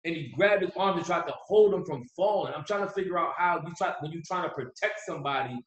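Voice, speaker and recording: A man co-hosting a casual sports podcast, animated and quick to laugh, getting heated when he argues a point. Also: on the high side, reverberant, muffled recording. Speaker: podcast co-host.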